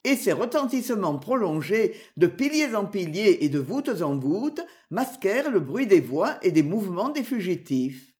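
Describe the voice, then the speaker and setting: A woman's voice: mid-range voice, very animated, normal speed, a little mellow. A woman reads an adventure novel aloud as an audiobook, telling it expressively. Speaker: narrator.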